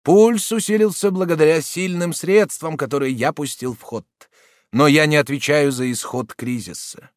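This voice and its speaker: A man voicing a grave, formal doctor who gives measured, cautious warnings. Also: on the high side, no echo, clean studio sound, voice pushed up, natural voice.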